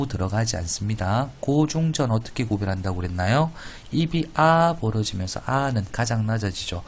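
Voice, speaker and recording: A man's voice: medium pitch, slight background noise. A man teaching grammar in a lecture, playful and corny, demonstrating vowel sounds and often checking with the class.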